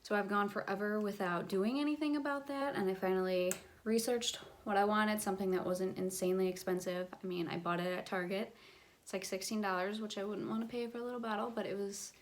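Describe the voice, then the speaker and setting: A woman talking casually through her favorite makeup and skincare products, chatty and full of fillers. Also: mid-range voice. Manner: chatty, filler-heavy, enthusiastic recommending. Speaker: beauty vlogger. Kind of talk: casual product review vlog.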